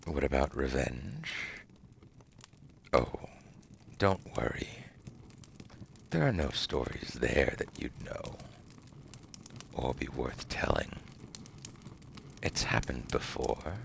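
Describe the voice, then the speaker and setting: Playing a seductive, ancient male devil who strikes deals, a man delivers a full character voice for ASMR roleplay: gravel-heavy and extremely deep, slipping frequently into breathy whispers, with a sing-song lilt. The pace is slow and deliberate, the manner smug and silkily menacing, and the phrasing formal and theatrical. His mood comes across as coy and dismissive, with a faint hiss or hum on the audio.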